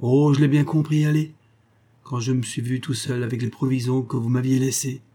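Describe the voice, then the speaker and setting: A man's voice: mid-range voice, little pitch movement, brisk, warm tone, natural voice. A man reading aloud and voicing a young ship's boy, eager and devoted, in a raised, boyish tone. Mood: earnest.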